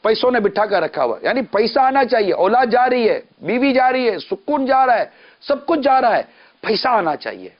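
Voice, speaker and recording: High-voiced, emphatic preacher. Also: male voice, big pitch swings, highs cut off. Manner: emphatic, rhetorical, with repeated questions and lists. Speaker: Islamic preacher. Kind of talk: televised sermon.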